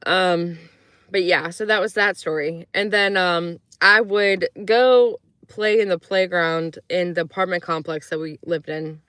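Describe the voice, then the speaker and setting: Speaking unhurriedly in a lowish, fairly even voice that is a bit bright, clear and resonant, a woman from Croatia chats with her live-stream audience with no room sound. Her rambling stories are full of fillers, and she performs the voices of the people she quotes.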